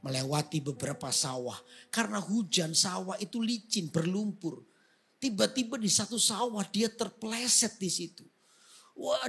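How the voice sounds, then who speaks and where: A male pastor telling a story in a sermon, swinging from hushed narration to shouting. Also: high-pitched.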